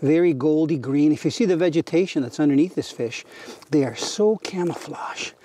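A man's voice: a little high, moderate pace, dark tone, slight background noise. Upbeat man hosting an outdoor fishing show. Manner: enthusiastic, explanatory, with frequent "you know". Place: outdoors on a boat and dock by a lake.

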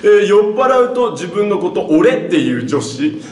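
A man's voice: sits high, very animated, moderate pace. A man in his twenties delivering casual one-liners in a group banter game. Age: 20s. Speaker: member of a video group. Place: concrete tunnel at night. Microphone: camera a few steps away. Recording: echoey tunnel, very noisy.

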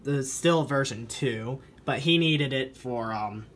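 In a noisy amateur home video, a man of medium pitch and fairly bright tone shows off his weather radio collection. Holding the camera or phone himself indoors, this hobby vlogger thinks aloud in a casual, halting show-and-tell.

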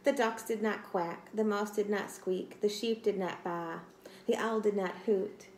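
A medium-pitched woman with a darkish tone, fairly even intonation and a measured pace reads a children's story expressively, teacher-style. She's in her forties and recording in a small room at home, where there's echo and light background noise.

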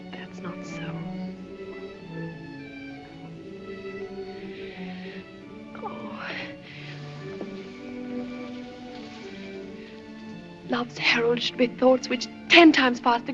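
A woman's voice: on the high side, natural voice. An actress playing an eager, impatient young girl in love, breathless and pleading in an old film. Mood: anxious longing. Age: young adult. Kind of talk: 1950s film acting. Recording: dull old film soundtrack with music.

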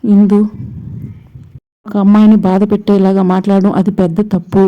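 A woman's voice: medium pitch, flat delivery, moderate pace, dull audio, natural voice. A woman voicing an angry middle-aged father who scolds his daughter. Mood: scolding.

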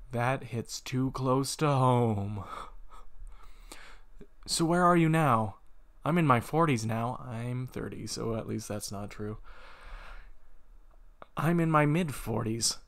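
A man's voice: mid-range voice, fairly bright tone. A man reading computer-written stories aloud at his desk, amused and laughing between lines. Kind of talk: casual reading with commentary.

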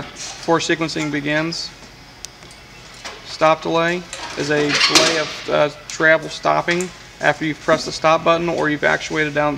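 Standing next to a welding machine, a man with a gravelly, somewhat high voice takes viewers through a control panel one step at a time in a hands-on demonstration. His tone is flat and plain, peppered with "uh" fillers. Faint machine-shop sounds are picked up by the camera mic.

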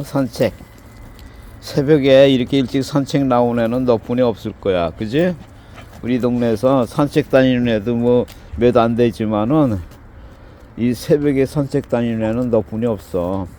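A man's voice: mid-range voice, moderate pace, dark tone. Man chatting and cooing outdoors. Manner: chatty, scolds and coos at animals in turn. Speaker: video host. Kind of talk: casual running commentary while filming outdoors. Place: outdoors in a built-up area before dawn.

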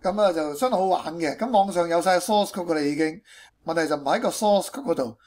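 A man with a Hong Kong accent and a high-pitched voice explains things step by step in an informal tutorial style. He peppers his speech with English technical terms. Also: quick pace, darkish tone. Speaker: programming tutorial presenter.

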